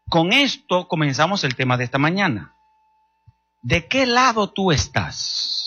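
A man's voice: a little high, sharp tone, breathy edge, dull audio. A middle-aged man with a Dominican accent, preaching a sermon with humor and telling stories straight to the congregation. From Dominican Republic. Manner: humorous, storytelling, addressing the congregation directly. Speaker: pastor.

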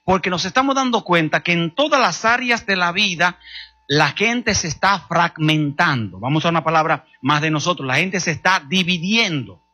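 A man's voice: fairly high pitch, expressive, normal speed, sharp tone. A middle-aged man with a Dominican accent, preaching a sermon with humor and telling stories straight to the congregation. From Dominican Republic. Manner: humorous, storytelling, addressing the congregation directly. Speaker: pastor.

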